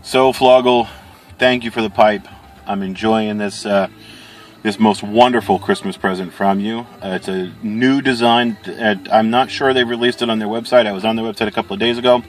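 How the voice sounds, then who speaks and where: Low-voiced man in a casual video chat. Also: steady tone, moderate pace. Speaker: pipe-smoking video reviewer. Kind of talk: casual chat product review.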